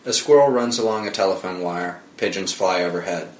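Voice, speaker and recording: Fairly quick and low-voiced, a man narrates the stage directions of a screenplay. His reading echoes in the room while film-score music plays underneath.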